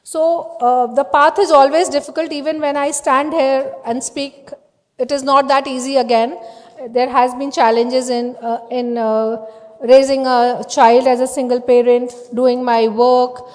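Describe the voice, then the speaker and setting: Middle-aged woman, high-pitched, emotional and halting, speaking in a large hall with long reverb. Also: level tone, darkish tone. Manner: halting, with many fillers and restarts. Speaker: award recipient giving a speech. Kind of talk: emotional acceptance speech.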